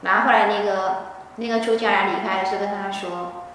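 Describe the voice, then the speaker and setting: A woman's voice: medium pitch, steady tone, fairly quick, fairly bright tone, a little hiss or hum. A woman giving a scripture lecture, telling the story animatedly. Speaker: religious teacher. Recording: echoey hall from far off.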